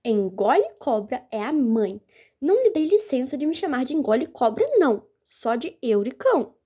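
A woman's voice: high-pitched, very animated, moderate pace, mellow, husky, exaggerated voice. Woman playing wailing old miser Euricão. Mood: indignant. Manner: wailing, complaining, prays to a saint. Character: miserly old man, fearful and whining. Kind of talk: stage play acting.

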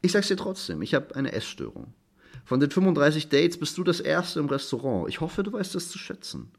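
A man's voice: fairly high pitch, big pitch swings, fairly quick, vocal fry, voice pushed up, full character voice. Man voicing a blunt, teasing young woman. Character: frank, provocative young woman on a date.

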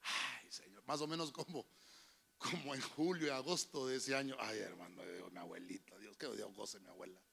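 A man preaching as a pastor with a Honduran accent, telling folksy family stories and calling the listener "hermano", building to shouted preaching. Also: medium pitch, steady tone, moderate pace, gravelly, breathy edge. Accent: Honduran Spanish. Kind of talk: sermon with personal anecdotes. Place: church.

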